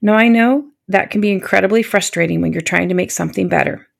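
Gravelly-voiced woman in her fifties hosting. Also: mid-range voice, fast. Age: 50s. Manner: gentle, encouraging, confiding. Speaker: podcast host. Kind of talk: warm solo podcast talk.

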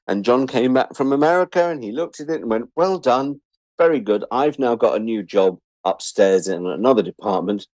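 A British man in his sixties, a writer-producer appearing as an interview guest, tells anecdotes in a chatty, self-deprecating way and acts out bits of dialogue. His medium-pitched, darkish voice is animated at a moderate pace, with no echo.

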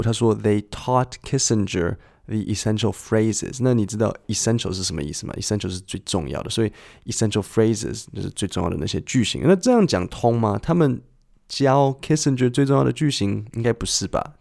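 A podcast host who teaches English listening speaks in a fairly low, gravelly, warm voice with lively intonation and a brisk pace. He explains patiently and asks the listener questions in a conversational way.

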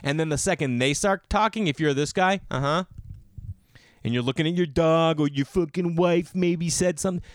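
A man's voice: fairly high pitch, fairly quick, hardly any pauses, no room sound, clean studio sound. A man hosting a solo podcast in a casual, opinionated rant, blunt and emphatic, with bro-style slang and swearing. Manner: rhetorical questions answered by himself. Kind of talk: casual ranting monologue. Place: garage.

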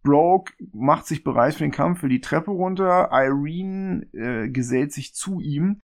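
A man narrating a tabletop game as game master, relaxed and wry. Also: a little high, unhurried.

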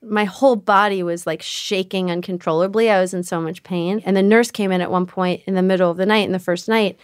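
A woman telling a personal story as a podcast guest, candid and animated, acting out what others said. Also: medium pitch, fairly quick, clean tone, no echo, studio quality. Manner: candid, animated retelling with quoted voices.

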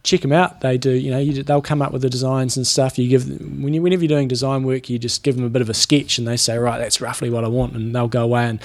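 A man's voice: medium pitch, little pitch movement, quick pace, few pauses. A man with a New Zealand accent co-hosting a podcast in casual, slangy sports chat about endurance training. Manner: informal, slangy. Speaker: podcast co-host.

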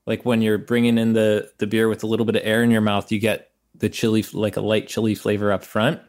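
A man's voice: fairly low pitch, completely flat delivery, a little fast, a little mellow. A man on a casual podcast from home over a remote call, describing the taste of a beer and hedging as he goes. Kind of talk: casual chat.

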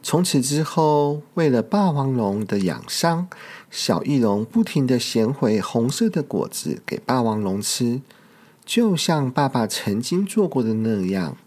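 A storyteller reading a picture book aloud for small children, gentle and expressive. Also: medium pitch, a little slow.

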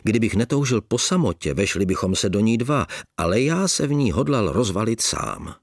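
Low-voiced man reading an audiobook. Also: no echo, studio quality. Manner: expressive storytelling. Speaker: audiobook narrator.

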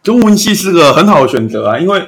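A man's voice: on the high side, sing-song, quick pace. A young man with a Taiwanese Mandarin accent hosting a casual podcast chat, joking, laughing often and swearing casually. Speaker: podcast host.

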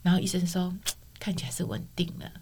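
With a lowish voice and a little hiss or hum in the audio, a middle-aged woman talks fast as a guest giving her personal testimony. She's an expressive storyteller who acts out the dialogue she quotes.

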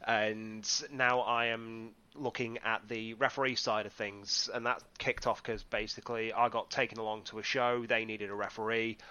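A man's voice: fairly low pitch, level tone, normal speed, few pauses, sharp tone, smooth, highs cut off. A man, chatting casually and self-deprecatingly as a podcast guest. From northeast England. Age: 30s. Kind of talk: casual chat.

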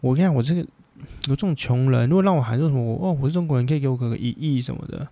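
Man, Taiwanese Mandarin accent, gravelly, darkish mellow tone, blunt rambling podcast host, casual swearing, dry close sound. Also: medium pitch, very fast, dry recording. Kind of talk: casual opinion chat.

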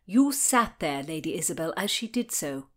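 A woman voicing a loyal, sharp-tongued Tudor noblewoman who speaks with biting defiance in an audiobook reading. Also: deep voice, big pitch swings, moderate pace, heavily acted. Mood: defiant.

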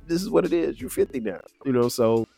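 Rambling easily through a solo podcast, a fifties-aged host talks a little fast with vocal fry, his middle-pitched voice somewhat nasal and blocked. He restarts often and fills gaps with filler words while soft music plays underneath.

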